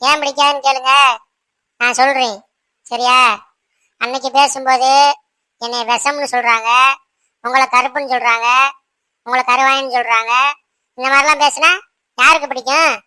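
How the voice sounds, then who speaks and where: A woman's voice: sits high, steady tone, normal speed, pauses often, bright, forceful tone, dry recording. A woman voicing a proud, stubborn young wife in a cartoon who lectures her husband and keeps asking "right?". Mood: insistent. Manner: insistent, lecturing, repeats "சரியா?". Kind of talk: cartoon voice acting.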